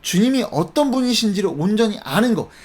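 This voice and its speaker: A man's voice: high-pitched, a little fast. A man from South Korea, a pastor giving a sermon who keeps asking his listeners questions and answering them himself. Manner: animated, asks the listeners many questions.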